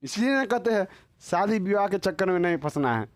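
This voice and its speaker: A man's voice: high-pitched, expressive, fairly quick, no echo. A man with a Bihari accent teaching a class, constantly quizzing his students in a chatty, joking way. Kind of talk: classroom lecture.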